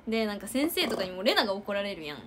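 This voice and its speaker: A young woman chatting casually on a livestream, giggling and acting out loud quotes. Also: mid-range voice, sing-song, racing, slight background noise. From Japan. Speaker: idol livestreamer. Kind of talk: casual livestream chat with viewers.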